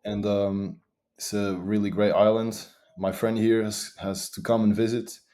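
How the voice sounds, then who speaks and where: A man's voice: fairly low pitch, level tone, dark tone. A young man from Madeira, Portugal, answering interview questions eagerly with frequent restarts. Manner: eager, talks fast with restarts. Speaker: guest.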